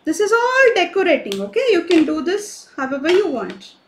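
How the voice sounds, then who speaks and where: With a very high, very animated voice at normal speed, a woman leads a live online kids' craft class; a little hiss or hum sits in the recording. Her manner is cheerful and coaxing, full of questions for the children.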